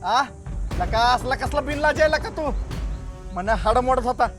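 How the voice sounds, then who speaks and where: An actor playing a hot-tempered, jealous village wrestler husband, hurling insults and threats. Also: male voice, very high-pitched, expressive, normal speed, faint music behind. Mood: furious. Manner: shouting insults, scornful, menacing. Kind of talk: rural web drama acting.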